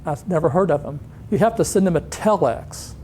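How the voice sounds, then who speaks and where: Older guy on stage telling old work stories, slightly high voice, does little voices for people, bit of hiss. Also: a little fast. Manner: animated anecdotes, acts out quoted voices. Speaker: conference speaker. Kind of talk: storytelling talk. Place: conference hall.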